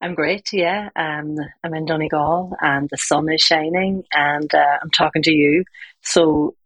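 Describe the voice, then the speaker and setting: A woman's voice: low voice, fairly even intonation, measured pace, no room sound, rough recording. A woman speaking as an interview guest, explaining things in a reflective, conversational way. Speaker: interview guest, communication coach.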